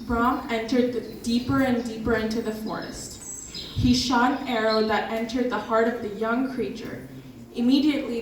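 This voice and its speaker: A woman reading a scripted story aloud as narrator for a stage dance drama, steady and slowing for descriptive passages. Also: on the high side, a little hiss or hum. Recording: echoey hall from far off, music behind.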